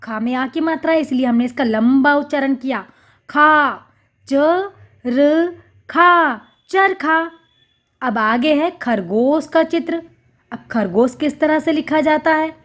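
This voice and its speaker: A woman teaching a children's lesson, slowly and clearly sounding out syllables in a sing-song way. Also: high-pitched.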